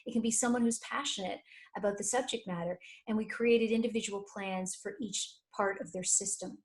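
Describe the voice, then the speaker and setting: A woman, a life and career coach telling stories in an interview, animated and acting out the voices of people she quotes. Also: mid-range voice, a little fast. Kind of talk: conversational interview storytelling.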